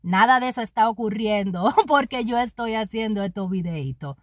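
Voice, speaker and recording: A woman's voice: medium pitch, animated, moderate pace, no echo, clean studio sound. A Cuban woman making sarcastic comic commentary, mocking, laughing between phrases and repeating words for effect. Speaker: vlogger.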